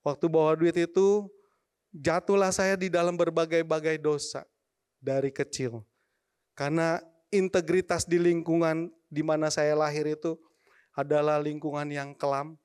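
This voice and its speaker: Brief: man in his forties, church testimony, animated storyteller, speaks to the crowd directly. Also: fairly high pitch, normal speed, long pauses, smooth.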